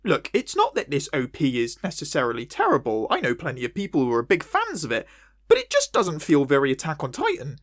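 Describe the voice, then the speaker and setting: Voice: medium pitch, brisk, no echo, studio quality. A performer voicing a dorky little male puppet who reviews anime, speaking with a West Country accent in a jokey, self-mocking way. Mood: lively. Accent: West Country English. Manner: wildly swooping, animated delivery. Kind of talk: comedic video review.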